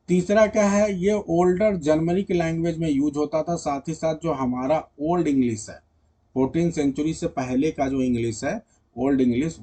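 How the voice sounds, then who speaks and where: Guy teaching an exam-prep class, bit husky, fairly high voice, keeps asking if everyone's following. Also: mellow. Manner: explains step by step, keeps checking in with "ठीक है"; mixes English terms and read-out definitions into Hindi.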